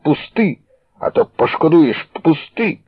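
Menacing young thug, hissing and cruel, husky edge, tinny dry phone-like sound, read by a man. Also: lowish voice, very animated, slow, dry recording, heavily acted. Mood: threatening. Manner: threatening, hissing, raised shouts.

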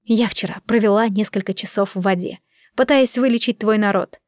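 A woman's voice: mid-range voice, a little fast, darkish tone, dry recording, clean studio sound, natural voice. A woman reading a fiery young queen. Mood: weary. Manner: emotional, impassioned. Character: young queen, proud and quick-tempered.

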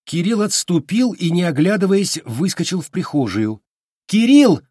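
A man reading an audiobook aloud with expressive, wry storytelling. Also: sits high, normal speed, slightly rough, no echo, clean studio sound. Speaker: audiobook narrator. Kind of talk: audiobook narration.

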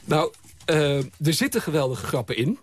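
A man's voice: fairly high pitch, very animated, moderate pace. A man reviewing a novel in a radio studio, speaking hesitantly with many filler sounds. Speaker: book critic.

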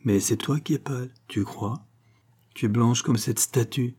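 A man reading aloud plays a calm, calculating young nobleman who speaks with guarded coolness. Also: mid-range voice, unhurried, husky. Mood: calm, probing. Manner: calm, guarded, quietly scheming.

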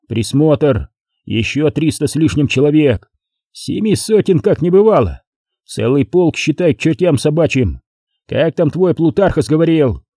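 A man voicing gruff old commander Бобёр. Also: a little high, dark tone, no echo, studio quality, voice pushed up, heavily acted. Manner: barking orders, grumbling. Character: gruff old male war commander, blunt.

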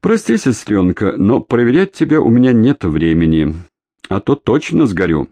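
A man reading an audiobook, voicing a calm, mocking male captor in an unhurried way. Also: on the low side, no echo, pitched above the performer's own voice.

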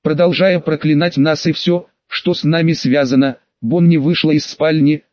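A man narrating an audiobook in the first person with steady storytelling. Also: fairly high pitch, moderate pace, no room sound. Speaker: audiobook reader. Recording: dull lo-fi recording.

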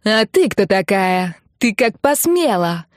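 A rude young woman hurls insults and threats down the phone in a coarse, yelling voice, dragging her words out slowly and heavily. A woman reader puts her on in a dry, close audiobook recording. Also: mid-range voice, big pitch swings, no room sound. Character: rude, furious young woman prank caller. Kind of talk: audiobook character voice.

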